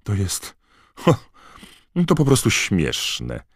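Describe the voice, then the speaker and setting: A man's voice: on the low side, huge pitch swings, extremely slow, breathy edge, dry recording, clean studio sound, pitched above the performer's own voice, heavily acted. A man reading an audiobook voices a clever, earnest teenage schoolgirl witch, raising his voice into a pleading, girlish tone. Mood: dismayed.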